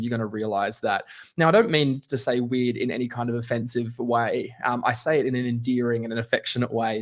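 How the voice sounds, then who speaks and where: Australian man, keynote speaker, middle pitch, conversational storytelling, video call. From Queensland, Australia. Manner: conversational, anecdotal, with light laughs. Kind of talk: storytelling talk.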